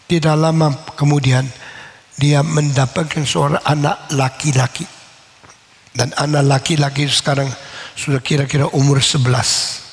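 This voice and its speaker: A man preaches a sermon woven with a personal story. His fairly high voice has a gravelly edge, and he rises sharply on his emphatic points, then slows down to let them land. The long reverb of a large hall rings after every phrase. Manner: emphatic, rising on key points, slows for weight.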